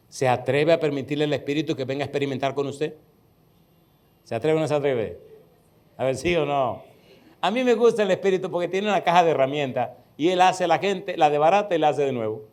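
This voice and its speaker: A man's voice: on the high side, brisk, darkish tone. A middle-aged man, preaching a sermon with stories, stressing words by repeating them and putting questions straight to his listeners. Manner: addresses listeners directly with questions. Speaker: pastor. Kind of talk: sermon with storytelling.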